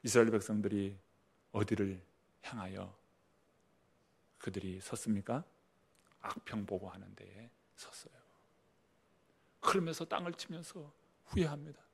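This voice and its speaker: A middle-aged man preaching a sermon as pastor, with emphatic declarations that drop to hushed asides. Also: on the low side, moderate pace, creaky, pauses often, slightly rough. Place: church sanctuary.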